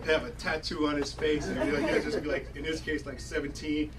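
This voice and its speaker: A man's voice: a little high, flat delivery. A man performing a stand-up comedy set on a club stage, talking in a loose, conversational, rambling way. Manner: conversational, rambling delivery with quick asides. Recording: distant, noisy club recording with laughing crowd. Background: audience laughter and loud room noise.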